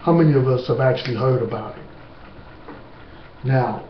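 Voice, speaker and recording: A man giving an informal lecture to camera, slow and emphatic, with blunt street-talk asides. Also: mid-range voice. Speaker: speaker on natural remedies. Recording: distant, roomy, dull with faint hiss.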